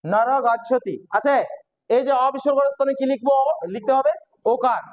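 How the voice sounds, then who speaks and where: A man with a Bengali accent and a very high voice explains grammar rules step by step to his students. He keeps repeating the same check-in questions to make sure they follow. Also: moderate pace, muffled recording. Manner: keeps asking if students understand. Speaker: teacher.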